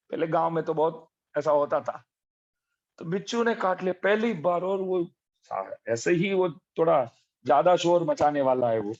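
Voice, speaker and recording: A man giving a devotional sermon, telling vivid stories and acting out the quoted voices of the people in them. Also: high-pitched. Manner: animated storyteller, acts out quoted voices. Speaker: religious teacher giving a discourse. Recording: dull lo-fi recording.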